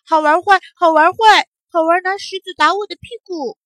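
A tiny monkey from a children's storybook, as a woman acts it out tattles to its elder. The voice is high, bright and piercing. Each word comes out as a whiny complaint. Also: fairly even intonation, a little fast, no room sound. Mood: whining. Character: small hurt baby monkey, tattling.

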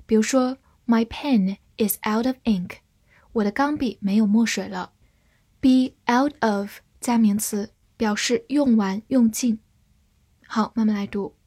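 Slow, careful woman teaching vocabulary. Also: fairly high pitch, dark tone, slightly rough, no room sound. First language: Chinese. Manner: spells words letter by letter and reads example sentences very slowly. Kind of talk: slow, deliberate vocabulary lesson.

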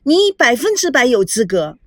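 A woman's voice: high voice, big pitch swings, normal speed, no room sound, studio quality. A woman doing an eager chubby teen girl. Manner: earnest, eager.

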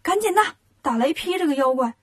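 A woman voicing a brash, impatient male monkey king in a children's storybook, loud and teasing. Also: high voice, animated, fairly quick, husky.

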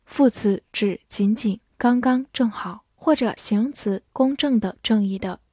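A woman's voice: on the high side, a little slow, warm tone, slightly rough, no echo, studio quality. A woman teacher reviewing vocabulary, saying each English word twice and then listing its parts of speech and meanings.

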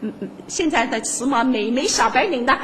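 An older woman giving a lively talk to an audience, laughing often and stumbling through fillers and restarts. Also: on the high side, brisk, a little hiss or hum.

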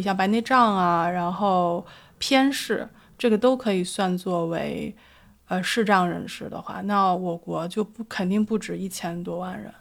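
A woman hosting a livestream show, announcing an upcoming episode in a reflective, earnest way with frequent hesitations. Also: medium pitch. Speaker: livestream host.

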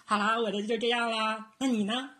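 A woman's voice: on the high side, fairly even intonation, fairly quick, fairly bright tone. A young adult woman co-hosting a casual podcast chat, playful and teasing. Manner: playful, teasing, jokes about herself. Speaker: podcast co-host.

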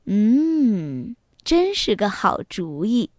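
A gentle mother fox who frets and encourages in turn, as a woman plays her. Her speech is slow and melodic, with a wide sweep of pitch. The recording is close and dry. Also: very animated, dry recording. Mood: caring. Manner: soft, fretful, encouraging. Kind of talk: children's storybook reading.

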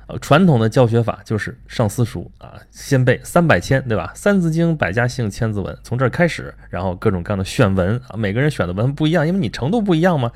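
A man's voice: mid-range voice, darkish tone. A man giving a casual lecture-style talk, full of rhetorical questions and filler particles. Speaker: host.

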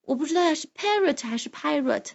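Lively high-voiced woman prompting a child. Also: brisk, creaky, lo-fi sound. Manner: playful, encouraging prompts. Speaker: parent reading with a child. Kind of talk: picture-book reading with a child.

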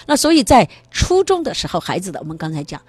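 A woman's voice: medium pitch, very animated, fast talker, slightly rough, dry recording. A woman speaking as a parenting expert, earnestly explaining teen emotional growth and addressing parents directly. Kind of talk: radio-style studio talk.

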